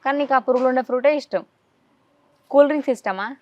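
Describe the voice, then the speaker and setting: Fast-talking woman interviewer. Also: high voice, dry recording. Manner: coaxing, rapid-fire questions. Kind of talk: casual interview with a child. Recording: dull lo-fi dry sound.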